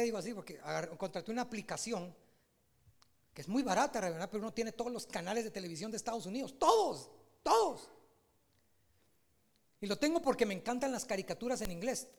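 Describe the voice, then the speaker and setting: Gravelly-voiced man preaching a sermon. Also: sits high, quick pace. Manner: animated preaching, rising to loud emphatic peaks.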